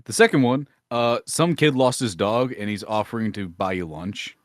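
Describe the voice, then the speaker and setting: Game master, male, very low voice, rambling delivery with restarts, dry close sound. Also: normal speed, dry recording. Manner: rambling, thinks aloud with many restarts. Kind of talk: narrating a tabletop game.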